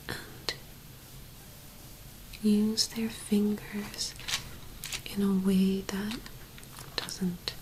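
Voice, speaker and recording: A woman speaking in a soft, hushed whisper, gently presenting an ASMR tapping video. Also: medium pitch, noisy background.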